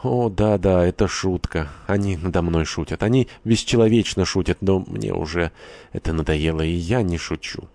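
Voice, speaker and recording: A man's voice: sits low, moderate pace, vocal fry, a little mellow, no room sound. A man reading the part of a desperate young woman who speaks in pained, vengeful outbursts.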